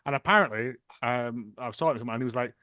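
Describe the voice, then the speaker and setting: A man hosting a podcast in casual chat, excitable and rambling with repeated restarts. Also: medium pitch, very fast, no echo. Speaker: podcast host.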